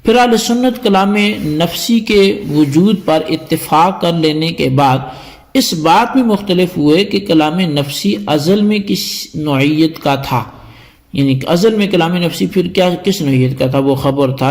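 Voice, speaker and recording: A man's voice: a little high, a little mellow. A man teaching a lesson on Quranic exegesis to students, explaining terms step by step. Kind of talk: scholarly lecture to students.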